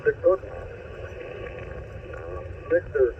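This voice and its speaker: Man on ham radio, signal cutting in and out, garbled. Tinny reception with loud static, terse phonetic spelling. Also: a little high, very slow. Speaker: amateur radio operator calling in.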